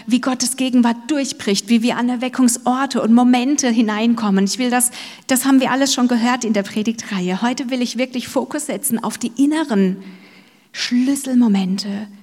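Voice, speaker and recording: A woman preaching a sermon, telling the story in a lively way and acting out what the speakers say. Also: fairly high pitch, normal speed. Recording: long reverb of a large hall.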